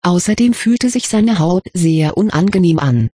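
An audiobook reader telling a fantasy story in a steady storytelling manner. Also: medium pitch, normal speed, husky, no echo, studio quality. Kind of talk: reading fan fiction aloud.

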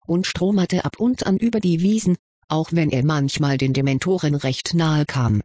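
A narrator reading a fantasy story aloud in a steady, even storytelling manner. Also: medium pitch, breathy edge, no room sound, clean studio sound. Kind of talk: audiobook reading of fan fiction.

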